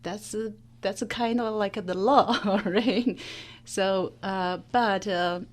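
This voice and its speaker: A woman's voice: mid-range voice, fairly even intonation, slow pace. A woman from China with a Chinese accent, answering as an interview guest, hesitant with many fillers.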